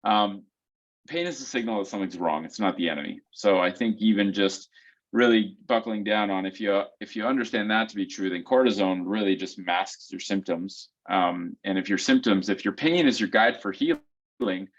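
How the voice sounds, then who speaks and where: A man's voice: on the low side, moderate pace, muffled recording. A man co-hosting a community Q&A call, explaining things step by step and often checking in with "right?". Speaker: co-host of a foot health community call. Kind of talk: casual explanatory Q&A answers. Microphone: video call.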